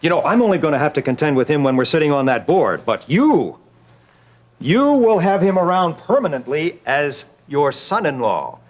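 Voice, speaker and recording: An actor playing a cold, scheming brother who talks in a cool, cutting way. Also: male voice, on the high side, sing-song, moderate pace. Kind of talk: soap opera acting.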